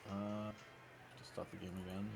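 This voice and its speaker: A man's voice: on the low side, flat delivery, moderate pace, gravelly, background noise. A man talking casually with fellow players while streaming a game.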